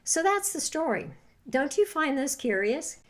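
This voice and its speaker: Woman reading a scripted narration, kinda high voice, very animated, teasing. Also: measured pace. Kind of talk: scripted narration with rhetorical questions.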